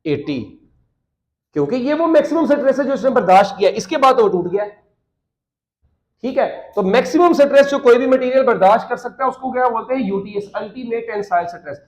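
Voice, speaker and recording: A man's voice: very high-pitched, expressive, darkish tone, reverberant, low-quality recording. A man teaching a physics class, joking and quizzing students with repeated questions.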